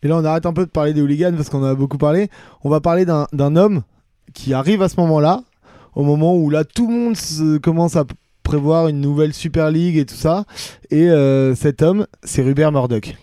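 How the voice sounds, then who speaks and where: Male host, smooth warm voice, summarizing moderator. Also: a little high, brisk, dry recording, studio quality. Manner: guiding, summarizing. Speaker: podcast host. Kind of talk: moderating football chat.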